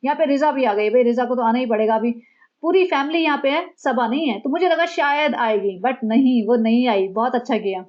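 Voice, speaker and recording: A woman with a high voice runs a chatty, sarcastic gossip commentary. Her delivery is casual and teasing. The recording sounds dull and lo-fi. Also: fairly quick.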